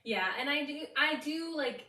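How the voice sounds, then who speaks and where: A woman's voice: high voice, animated, a little slow, sharp tone. A woman in her thirties co-hosting a podcast in casual chat, filling her talk with "like" and laughing often. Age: 30s. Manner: chatty, heavy use of "like", frequent laughs. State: hiccups. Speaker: podcast co-host. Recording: roomy sound, distant mic.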